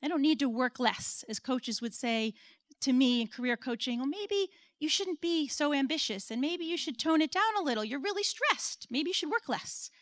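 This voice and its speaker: On stage at a conference, a US woman in her forties talks earnestly and personally to the audience, chuckling at herself from time to time. Her slightly high, somewhat bright voice has lively intonation at a normal pace, captured close and dry without echo.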